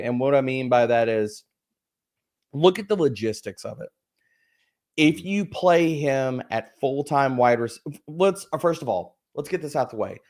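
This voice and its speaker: A man in casual podcast chat as a fantasy football analyst, ranting emphatically with profanity and rhetorical questions. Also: medium pitch.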